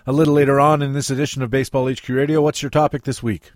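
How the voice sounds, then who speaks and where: A man's voice: medium pitch, flat delivery, very fast, no echo, clean studio sound. A man hosting a sports talk radio show, moving between questions, introductions and promotional reads.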